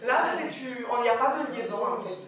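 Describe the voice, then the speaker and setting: A woman French teacher giving an animated lecture on pronunciation, checking in with her audience as she goes. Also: a little high, a little fast, crowd noise. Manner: animated, corrects pronunciation, asks the audience questions. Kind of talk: lively classroom lecture. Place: lecture hall. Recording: echoey hall from far off, faint hiss.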